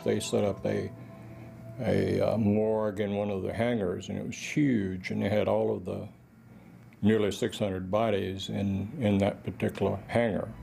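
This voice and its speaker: A man recalling the aftermath in an interview, speaking slowly and hesitantly. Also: lowish voice, creaky, faint music behind. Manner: slow, flat, hesitant. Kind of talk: interview recollection.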